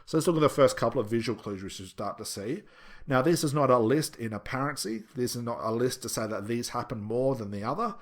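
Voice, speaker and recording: Guy instructor explaining stuff, normal pitch, conversational lecture, keeps stressing and repeating the main points. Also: brisk. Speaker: hypnosis instructor.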